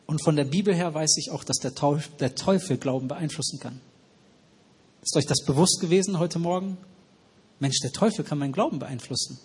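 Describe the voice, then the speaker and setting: A man with a somewhat high, husky voice preaching to a congregation. He asks questions, waits, and repeats their answers before going on with his sermon. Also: a little fast, darkish tone. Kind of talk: interactive sermon. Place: church hall with noisy ventilation.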